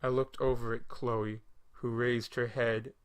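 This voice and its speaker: A man reading a scripted first-person story in a measured, even way. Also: mid-range voice, smooth. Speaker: narrator.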